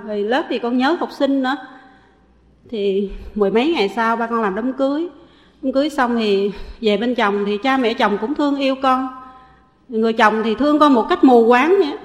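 A middle-aged woman with a southern Vietnamese accent, earnestly confessing her past in a halting way with frequent pauses. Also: fairly high pitch, long reverb tail. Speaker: testifying lay Buddhist. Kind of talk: personal confession.

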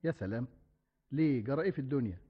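An oily, leering shop owner. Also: male voice, medium pitch, rapid-fire, husky. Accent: Egyptian Arabic. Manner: oily flattery that turns into scorn. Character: leering shop owner, falsely gallant, then contemptuous. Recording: dull old radio recording.

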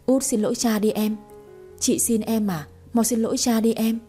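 A woman's voice: on the high side, steady tone, moderate pace, mellow, soft background music, close to an everyday voice. A woman voicing an injured young woman in an audio story, begging tearfully. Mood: pleading. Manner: pleading, tearful. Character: injured young woman pleading, gentle and frightened.

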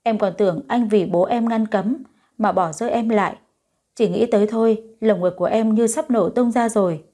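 A woman's voice: medium pitch, moderate pace, mellow, close to an everyday voice. Woman voicing a tearful, stubborn young woman. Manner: pleading, emotional.

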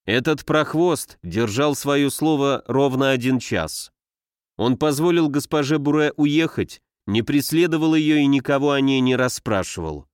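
A man's voice: mid-range voice, lively intonation, a little slow, clean tone, dry recording, studio quality, close to an everyday voice. A male reader voicing a sly devil who tells a tale with mockery. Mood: mocking.

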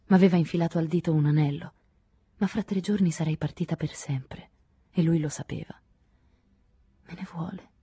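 A woman narrating a literary novel in the first person, measured and intimate. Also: sits low, steady tone, mellow, breathy edge, no room sound. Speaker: audiobook narrator.

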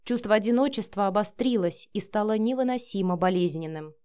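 Female audiobook narrator, steady expressive reading, mid pitch. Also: brisk, clear, resonant tone. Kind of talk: audiobook narration of a romance novel.

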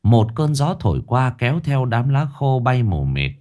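A man's voice: medium pitch, big pitch swings, moderate pace, very noisy. A man narrating a ghost story in a dramatic reading.

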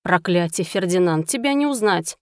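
A woman's voice: mid-range voice, expressive, brisk, no echo, clean studio sound, close to an everyday voice. A woman voicing a stern, domineering male prosecutor who growls his lines. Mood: angry. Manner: growling and menacing.

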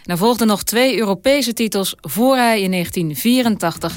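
A woman calmly narrating a scripted radio feature. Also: mid-range voice, a little fast, no echo, soft background music. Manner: calm storytelling.

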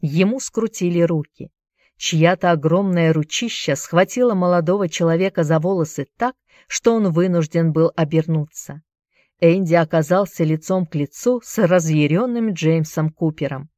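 A woman narrates a novel in a steady, measured audiobook reading. Her voice sits fairly low, and the recording is dry and close, with no room around it. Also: dry recording. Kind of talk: scripted narration.

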